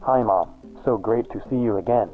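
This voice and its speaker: A man voicing a haunted, weary woman survivor in a deep voice, with a flat, resigned delivery. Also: normal speed, lightly acted. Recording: tinny lo-fi tape with music.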